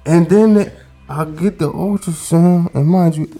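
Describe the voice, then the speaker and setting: In a casual storytelling chat, a podcast co-host in his thirties rambles easily through a long story, using lots of fillers and curses. His mellow voice is a little high and keeps a measured pace.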